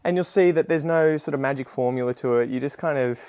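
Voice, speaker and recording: A man's voice: medium pitch, fast, a little mellow. Casual Australian man, noisy recording. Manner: rambling, self-deprecating, slangy. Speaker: gardening video creator. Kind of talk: casual chat while demonstrating a task.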